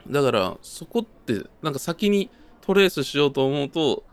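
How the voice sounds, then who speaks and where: Thoughtful Kansai man, lively pitch. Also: normal speed, clean tone, dry recording. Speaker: podcast co-host. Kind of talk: casual chat.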